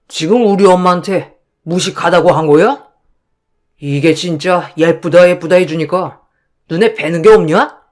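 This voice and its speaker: A woman voicing an arrogant, hot-tempered young husband who shouts at his wife in a radio drama. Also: medium pitch. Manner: shouting, aggressive.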